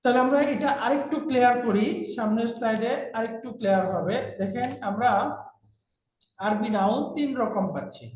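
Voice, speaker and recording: A man's voice: very high-pitched, moderate pace, darkish tone. A man teaching an online class, patiently repeating each term for students to echo. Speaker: Arabic grammar teacher. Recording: very echoey room.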